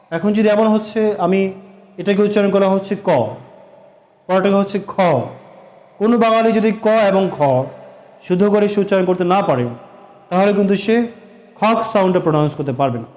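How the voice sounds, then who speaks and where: A man with a Bengali accent teaching pronunciation, slowly spelling out and repeating sounds and mixing in English phrases. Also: sits high, a little mellow. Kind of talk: classroom-style lesson.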